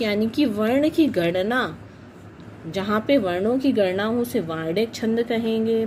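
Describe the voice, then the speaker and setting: A woman teaching a grammar lesson to children, explaining slowly and repeating each definition. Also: mid-range voice, slight background noise.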